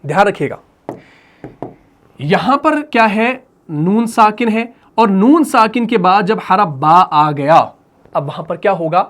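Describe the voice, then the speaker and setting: A man teaching Quran recitation rules, patient and repetitive, asking his students questions and reciting slow examples. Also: high voice, animated, a bit bright. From Pakistan. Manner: patient, repeats points and asks questions back.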